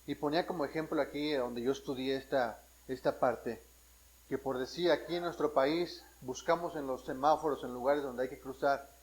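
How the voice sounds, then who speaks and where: A man's voice: mid-range voice, normal speed, rough recording. A man from Mexico preaching a sermon as a pastor. He works through Bible verses, often checks in with the congregation, and restarts and corrects himself often. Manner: frequent restarts and self-corrections.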